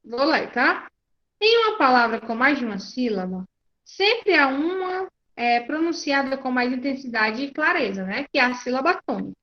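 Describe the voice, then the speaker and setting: A woman's voice: high-pitched, animated, normal speed. A Brazilian woman teacher giving an online class, patient and checking often that her students follow. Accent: Brazilian Portuguese. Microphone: video call. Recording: muffled lo-fi video call audio.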